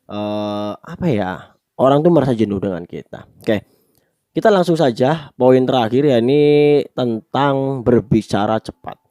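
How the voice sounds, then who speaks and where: Man, speaking coach, casual chatty delivery, warm dark tone, dry room. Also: mid-range voice, no room sound. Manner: chatty, peppered with tag questions and demonstrations. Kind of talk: casual spoken tutorial.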